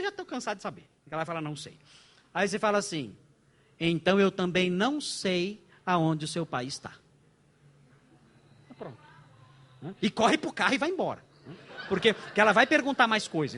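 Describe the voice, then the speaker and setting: A middle-aged Brazilian man preaches a conference sermon in a high voice. His pitch swings widely, and he keeps breaking into jokes and rhetorical questions. He speaks as a pastor addressing a church crowd. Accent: Brazilian Portuguese. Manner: animated and joking, with frequent rhetorical questions.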